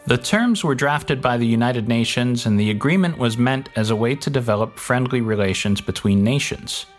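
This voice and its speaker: A man narrates his podcast from a script, his pitch sitting in an ordinary middle range. His delivery is dry and wry, with the odd casual curse dropped in. Soft music plays low behind him. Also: normal speed. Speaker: podcast host. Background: faint music.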